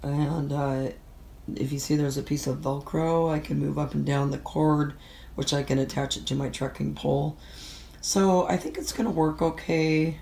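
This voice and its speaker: Her deep, dark, creaky voice stays steady at a moderate pace as this middle-aged vlogger sniffles through a bad cold. She talks casually about gear from a room at home, her tone stuffy and nasal, with a slight hiss or hum present.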